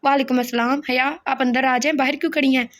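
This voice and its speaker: A woman's voice: high voice, fairly even intonation, fast talker, natural voice. A woman reading the part of a proud, brusque young man who speaks curtly and matter-of-factly. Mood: friendly.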